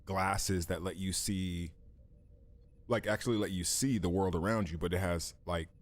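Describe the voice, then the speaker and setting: A man's voice: low voice, steady tone, moderate pace. A man hosting a live stream, talking casually and rambling as he explains things, swearing freely, with the hiccups. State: has the hiccups. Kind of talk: casual chat.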